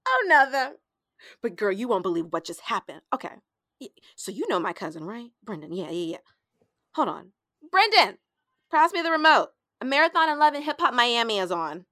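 An actress playing a loud, sassy young woman who mocks and talks in slang. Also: a little high, very animated, moderate pace, no room sound, studio quality. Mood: gossipy. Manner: brash, sarcastic, slangy.

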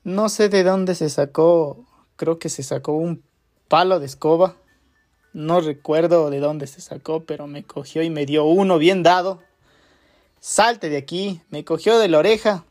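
A man's voice: fairly high pitch, normal speed, darkish tone, soft background music. A man telling a personal anecdote in a casual, rambling way, repeating phrases and leaning on fillers. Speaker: storyteller.

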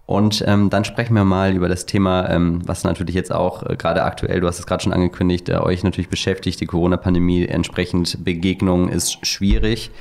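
Very deep gravelly podcast host. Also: male voice, level tone, a little fast, hardly any pauses, a little mellow. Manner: loose, filler-heavy, friendly questions. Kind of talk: casual interview chat.

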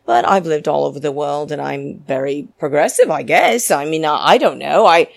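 A woman's voice: low-pitched, animated, moderate pace, gravelly, no echo, clean studio sound. A woman hosting a solo reality TV recap podcast in a campy, theatrical, diva-like manner, opinionated and gossipy. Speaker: podcast host.

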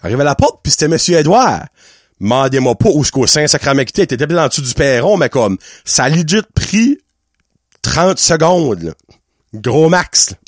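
A man's voice: fairly high pitch, moderate pace, dry recording, clean studio sound. A young man with a Quebec French accent telling a story casually, acting out the people he quotes. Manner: animated, acts out quotes and sounds.

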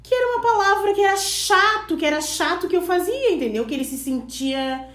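A woman's voice: very high voice, a little fast, reverberant. A middle-aged woman, a teacher chatting casually and telling a story with lots of quoted dialogue. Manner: animated storytelling, quoting herself. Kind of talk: casual chat.

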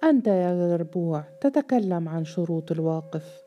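A woman's voice: on the low side, lively intonation, normal speed, muffled recording, faint music behind, close to an everyday voice. Woman voicing a raging, sneering male overseer. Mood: enraged. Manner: shouting insults, sneering interrogation. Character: furious arrogant male estate overseer, contemptuous.

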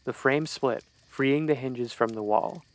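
A man reading a scripted horror story in a steady, measured storytelling way. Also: mid-range voice, dry recording, rough recording. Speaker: narrator.

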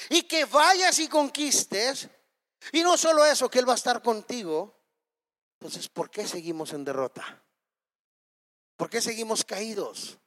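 A man's voice: very high voice, fairly bright tone, big-room sound. A man preaching a sermon with impassioned, emphatic repetition and rhetorical questions.

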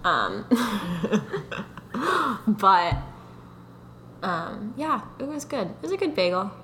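A young woman co-hosting a podcast, telling a dating story in a casual, animated way, often laughing and mocking herself. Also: medium pitch, extremely slow, a little hiss or hum. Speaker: podcast co-host.

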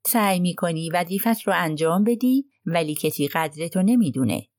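Woman doing an aggrieved, low-voiced old housekeeper. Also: expressive, a little mellow, no room sound, clean studio sound, close to an everyday voice. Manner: indignant, aggrieved complaining. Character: prim, self-righteous older housekeeper woman.

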